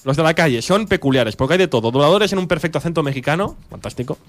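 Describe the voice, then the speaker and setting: A man's voice: fairly high pitch, fast. A man hosting a podcast, joking as he reviews a video game's voice acting. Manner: joking, animated. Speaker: podcast host. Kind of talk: comic game review chat.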